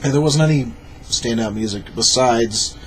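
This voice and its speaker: A man's voice: mid-range voice, normal speed, a little hiss or hum. Drunk man in casual review chat. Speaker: film review co-host.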